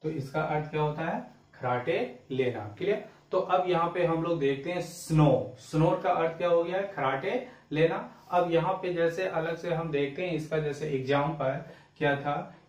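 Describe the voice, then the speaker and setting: A man teaching English vocabulary in Hindi, asking "clear?" after each point and spelling words out letter by letter. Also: fairly high pitch, normal speed, far from the mic. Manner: repetitive quizzing, asks "clear?" often; spells words letter by letter, drawls example sentences. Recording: echoey room, away from the mic.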